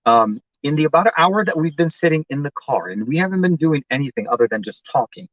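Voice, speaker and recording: A man's voice: fairly high pitch, animated, quick pace, no room sound, dull audio. A man from Lebanon hosting a casual tech live stream from inside a parked car, rambling and chatty with lots of fillers as he answers viewer comments.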